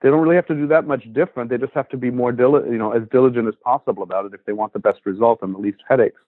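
A man's voice: medium pitch, steady tone, racing, dry recording. Guy rambling about puppies, lots of you knows, tinny phone line. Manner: rambling, many fillers. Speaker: dog trainer and podcast host. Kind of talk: casual podcast chat.

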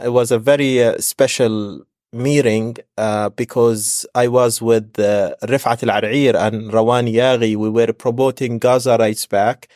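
A man co-hosting a podcast, introducing guests in a measured way with frequent fillers. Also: mid-range voice, steady tone, darkish tone, no echo, clean studio sound. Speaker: podcast co-host.

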